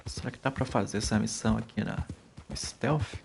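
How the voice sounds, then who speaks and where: A man's voice: fairly low pitch, quick pace, vocal fry, a little mellow, a little hiss or hum. A man with a Brazilian Portuguese accent giving casual commentary as he streams a game live.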